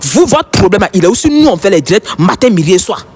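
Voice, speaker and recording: A woman with an Ivorian French accent rants at her viewers during a live stream, recorded on her phone at home. She talks very fast, combative and repetitive, with a voice of middling pitch. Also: sing-song, darkish tone, husky. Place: home, early morning.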